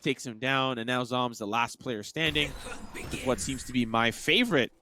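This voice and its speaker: Mid-pitched male esports caster. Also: moderate pace, sharp tone, a little hiss or hum. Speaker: esports commentator. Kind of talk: live esports commentary and analysis.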